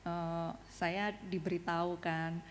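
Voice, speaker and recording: A woman, a parent, telling a personal story in a chatty, animated way with many fillers. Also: lowish voice, slow pace, a little hiss or hum. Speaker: parent asking a question. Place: school meeting hall. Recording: reverberant hall.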